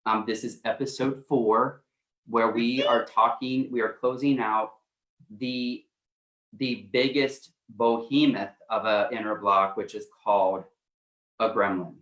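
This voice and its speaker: A man's voice: medium pitch, level tone, unhurried, a bit bright, dull audio. A man co-hosting a coaching livestream, chatting casually and rambling with plenty of fillers. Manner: rambling, loose, lots of fillers. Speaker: co-host, life coach. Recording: roomy echo.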